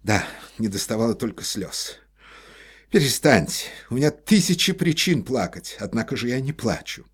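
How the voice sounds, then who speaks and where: A man's voice: fairly low pitch, fairly even intonation, moderate pace, few pauses, husky. A man voicing an irritable, moody painter in an audiobook, speaking in exasperated, peevish outbursts. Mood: irritated. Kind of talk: audiobook character voice.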